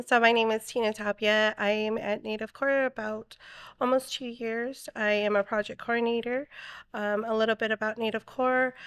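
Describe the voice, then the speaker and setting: A woman from Arizona, a guest in an interview, speaking haltingly with many pauses and frequent throat clearing. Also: on the high side, no room sound, studio quality. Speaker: guest, project coordinator. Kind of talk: casual interview talk.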